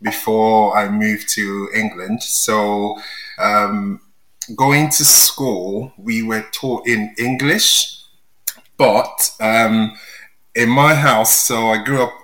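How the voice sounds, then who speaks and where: A man from Nigeria, a podcast guest chatting casually and pausing often with "um". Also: fairly low pitch, steady tone, fairly bright tone, reverberant, low-quality recording.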